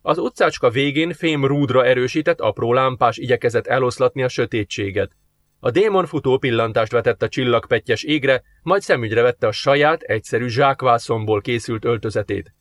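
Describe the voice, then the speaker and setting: A man narrating an audiobook in a steady, measured reading voice. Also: medium pitch, dry recording. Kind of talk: scripted narration.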